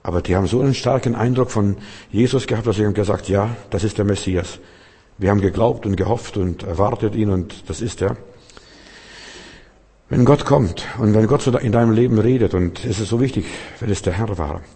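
A man's voice: on the low side, fairly quick, dark tone, husky. A man preaching a sermon in an emphatic, searching way. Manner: emphatic, acts out quoted voices. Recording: long hall reverb.

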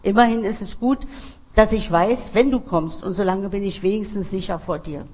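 A woman's voice: medium pitch, normal speed, a little mellow, natural voice. A woman voicing a young man in a fairy tale, earnest and pleading.

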